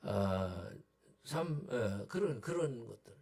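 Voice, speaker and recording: A man preaching a Sunday sermon as pastor, conversational, full of rhetorical questions and sudden hushed asides. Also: lowish voice, lively intonation, slow, creaky, husky. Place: church sanctuary.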